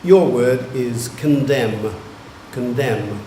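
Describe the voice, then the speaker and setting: A man acting as spelling bee pronouncer, saying each word slowly and carefully, then reading its definition and an example sentence. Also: mid-range voice, dark tone. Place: large museum hall. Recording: echoey hall, faint room noise.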